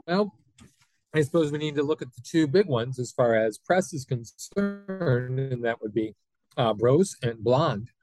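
A man co-hosting a movie review podcast, speaking in a dry, measured way. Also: mid-range voice, lively intonation, a little mellow, faint music behind. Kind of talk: casual chat.

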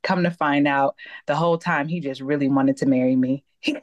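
A woman's voice: deep voice, fairly even intonation, fairly quick, a little mellow, dry recording, dull audio. A woman guest on an interview show, telling her personal faith story in an earnest, storytelling way. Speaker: guest, accountability coach. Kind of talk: personal testimony in a podcast interview.

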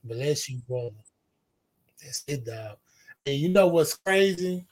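A man's voice: on the high side, expressive, slow pace, a little mellow. A man hosting a podcast in casual chat, who backs up his guest with short words of agreement. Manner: supportive listener, short affirmations. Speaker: podcast host.

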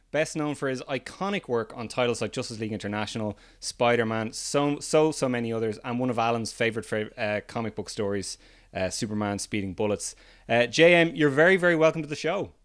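A man's voice: medium pitch, brisk. A man, hosting a podcast and welcoming listeners and guests in a presenter's style. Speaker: podcast host. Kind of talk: podcast introduction and interviewing.

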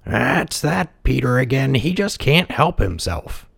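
A weary old village man grumbles slowly, shaking his head at the same old nuisance, as a man puts him on while reading a storybook. The voice sits noticeably higher than the reader's own and drags along in exasperation. The recording is close and dry. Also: sing-song, gravelly, fairly bright tone, no echo, full character voice. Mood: exasperated.

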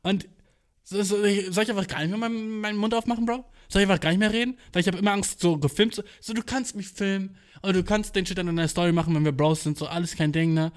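A young man in his twenties with a notably high-pitched voice tells stories in a loose, rambling monologue. He talks in slang, swears freely and fills his sentences with filler words, like a podcast host chatting to his listeners. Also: steady tone, quick pace. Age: 20s. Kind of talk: casual storytelling monologue.

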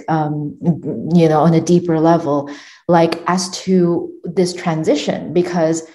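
A woman hosting a podcast interview, introducing her guest formally and asking follow-up questions. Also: low voice. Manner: warm formal hosting, frequent backchannel mm-hmms. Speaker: podcast host.

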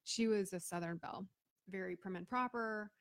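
A woman's voice: medium pitch, normal speed, dry recording. A middle-aged woman from Florida, a guest chatting casually and acting out the voices of people in her stories. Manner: chatty, acts out quoted voices. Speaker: guest, business owner and veteran. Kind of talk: casual storytelling interview.

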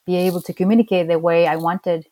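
This Chilean woman speaks Spanish as her first language and has a strong Chilean accent. Her lowish voice is warm but flat in delivery, and she talks fast. As an interviewee in a casual chat, she tells stories chattily, restarting and laughing along the way.

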